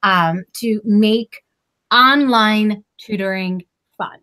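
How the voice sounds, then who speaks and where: A middle-aged woman, a reading tutor, hosting a casual live-stream chat on a video call, animated and quick to laugh, with lots of fillers. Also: medium pitch.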